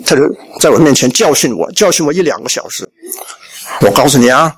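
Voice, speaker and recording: A man's voice: medium pitch, animated, a little fast, husky. A middle-aged male pastor from Shandong, telling his life story in a sermon and acting out the family talk. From Shandong, China. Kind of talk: sermon testimony.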